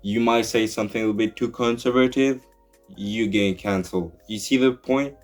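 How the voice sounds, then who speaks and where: Young man, low-pitched YouTuber; earnest opinion vlog, restarts often, soft music under. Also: steady tone, normal speed.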